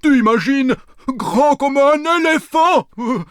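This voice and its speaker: A woman voicing an excitable cartoon character who teases and dramatizes. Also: high-pitched, slow, no echo, studio quality. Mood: dramatic. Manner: teasing, dramatic.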